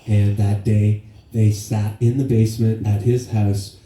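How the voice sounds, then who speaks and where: A man's voice: lowish voice, little pitch movement, a little slow, mellow, far from the mic. Man in his fifties, echoey hall eulogy. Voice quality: plainspoken, casual with swearing. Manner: storytelling with laughs and acted quotes. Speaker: son giving a eulogy. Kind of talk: eulogy speech. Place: memorial gathering in a hall.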